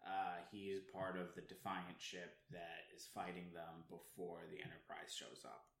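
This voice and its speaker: A man's voice: deep voice, steady tone, normal speed, creaky, a bit bright. A man co-hosting a casual chat, explaining at length with plenty of ums and restarts. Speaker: podcast co-host. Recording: roomy echo.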